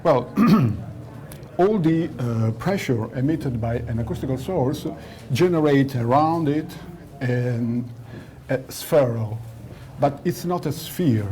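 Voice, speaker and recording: Interviewed at a noisy audio trade show in Milan, a loudspeaker designer explains technical matters in a didactic way, often searching for words. His voice is medium-pitched and mellow, slow-paced with lively intonation.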